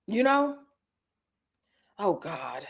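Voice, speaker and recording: A woman, hosting a live chat show and telling casual stories with big swings in pitch. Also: very animated, extremely slow, creaky, slightly rough. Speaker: host. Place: Los Angeles.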